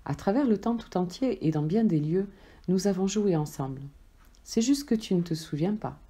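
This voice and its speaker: A woman voicing a gentle, loving soul that speaks softly and patiently. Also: fairly low pitch, lively intonation, moderate pace, breathy edge. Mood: tender. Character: gentle, loving friendly soul, calm and tender.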